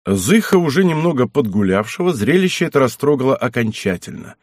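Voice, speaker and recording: A man reads a classic novel aloud, animated and expressive. His husky voice swings widely in pitch, and the recording is close and dry. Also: fairly quick, dry recording. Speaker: audiobook narrator. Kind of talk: audiobook narration.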